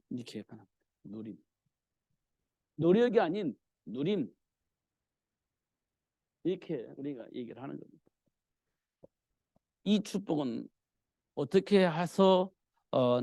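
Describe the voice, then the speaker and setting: A male pastor preaching a sermon in a church, telling the story with animated delivery. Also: on the high side, creaky, no room sound, clean studio sound. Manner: animated storytelling, acting out the king's cries.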